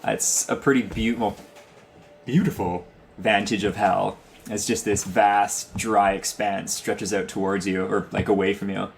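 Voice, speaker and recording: Gravelly low-voiced male game master. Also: a little slow, slight background noise. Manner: relaxed, laughs often. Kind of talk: narrating a tabletop game.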